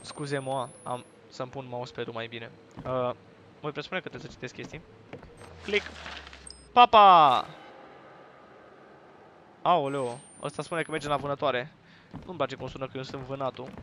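A young man from Romania commentating a horror game he is playing, with crude jokes and sudden loud yells at the screen. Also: medium pitch, steady tone, a little hiss or hum. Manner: crude joking banter, bursts into loud yelling at the game. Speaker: gaming YouTuber.

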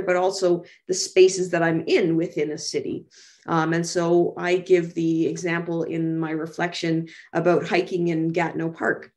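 Joining an online panel by video call from a room at home, a middle-aged Canadian guest speaker from Toronto offers personal reflections. Her lowish voice is creaky and a little mellow, heard through the call's microphone.

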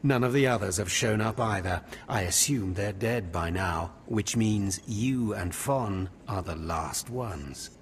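A man's voice: on the low side, unhurried, few pauses, a little hiss or hum, lightly acted. A man voicing a scornful Sith overseer. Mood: cold orders. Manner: cold, scornful, commanding. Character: harsh male Sith overseer, contemptuous bully. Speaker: academy overseer.

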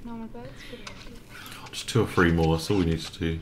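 A man commentating live on his own game, excitable and swearing, talking to his viewers. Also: on the low side, unhurried, heavy background noise. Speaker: gambling streamer.

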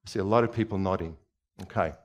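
A fast-talking man with a deep voice, in his forties and born in Czechoslovakia, preaches conversationally from a church stage. He moves about, quizzes the audience, and speaks through a headset mic.

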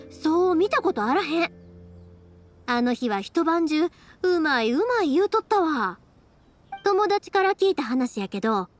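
An actress voices a cheerful, kind young fireworks maker in an anime game, using a Kansai accent. Her high-pitched female voice is friendly, chatty, and expressive. It's a studio voice recording set over game music.

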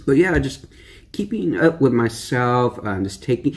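With a medium-pitched, sing-song voice at a measured pace, a young man hosts an eating-show vlog. His talk to the camera is easygoing, slangy and meandering, packed with fillers.

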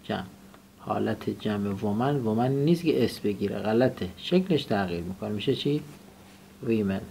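A man's voice: on the low side, lively intonation, vocal fry, mellow, a little hiss or hum. A man teaching English vocabulary in class, drilling words and having his student repeat them back.

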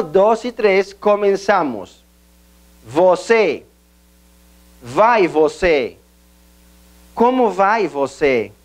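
Guy teaching a language lesson, pretty high voice, slow drills, faint hum behind. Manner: slow, deliberate pronunciation drills with frequent "¿cierto?" check-ins.

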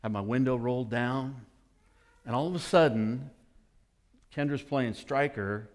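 A middle-aged man preaching a sermon as pastor, telling a story and now and then bursting into excited shouts. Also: medium pitch, measured pace. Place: church sanctuary.

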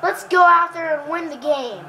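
A woman giving excitable live commentary while playing a football video game, cheering and groaning at the plays and chatting to viewers. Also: extremely high pitch, normal speed, heavy background noise.

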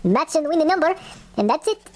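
High-pitched woman, put-on Russian accent. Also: expressive, fast talker, darkish tone. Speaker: host of scratch ticket videos. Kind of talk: casual play-by-play narration. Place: indoors at a wooden table. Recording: faint scratching noise, home recording. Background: scratching of lottery tickets.

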